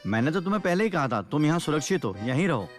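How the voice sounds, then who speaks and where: A young villager who argues his case, his voice a little high and swinging up and down. He sounds defensive in this dubbed TV drama, with faint music behind him. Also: big pitch swings, fast. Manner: defensive, argumentative. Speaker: cousin. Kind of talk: dubbed TV serial acting.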